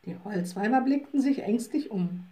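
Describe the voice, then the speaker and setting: A woman reading a children's storybook aloud in a calm, measured storytelling manner. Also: a little high. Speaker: narrator.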